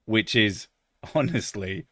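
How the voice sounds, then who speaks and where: A podcast host with a deep natural voice chats casually, swearing freely, laughing often, and mocking himself. He sounds animated yet slow, with a fairly bright tone in a studio-quality recording free of room sound.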